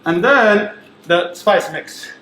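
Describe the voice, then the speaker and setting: A man from Ethiopia, a chef, explaining a recipe with a hesitant manner and many pauses. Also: high voice, lively intonation, bright, forceful tone. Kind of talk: cooking demonstration. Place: kitchen. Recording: echoey kitchen, faint background noise.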